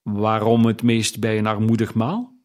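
Scrooge, an old miserly man with a pointed, higher voice, questioning and indignant, as a male reader puts him on, in an audiobook of a classic tale. He speaks slowly and carefully. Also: completely flat delivery, darkish tone, natural voice. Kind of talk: audiobook character reading.

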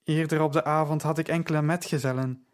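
A man's voice: fairly high pitch, steady tone, quick pace, lightly acted. A man voicing a drunk, pompous male stage actor who slurs his words and speaks in grand, formal phrases. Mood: tipsy, grandiose.

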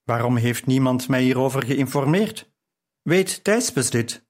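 A proud, quick-tempered young nobleman, voiced by a man reading an audiobook speaks in brusque, demanding questions. His delivery is slow and sounds set a little back from the mic, with a timbre unlike the reader's usual one. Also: medium pitch, animated, darkish tone, natural voice. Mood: indignant.

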